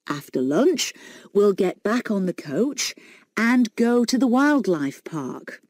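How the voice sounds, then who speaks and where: Woman acting as friendly tour guide, unhurried, mellow, lively intonation, scripted announcement. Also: medium pitch, no room sound, clean studio sound. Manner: measured, clearly phrased announcing. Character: friendly, organised woman tour guide briefing coach tourists. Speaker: tour guide in a listening test. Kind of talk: scripted listening-test monologue.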